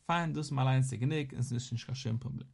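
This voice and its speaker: A man giving a Talmud lesson, talking quickly in a rising and falling study chant. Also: medium pitch, gravelly, a little mellow, breathy edge. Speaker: Talmud teacher.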